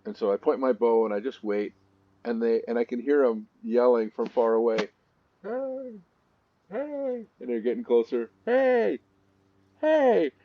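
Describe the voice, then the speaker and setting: A man's voice: mid-range voice, little pitch movement, fairly quick, no room sound, phone-quality sound. A man hosting a let's-play gaming video, telling stories in a chatty way with nervous asides.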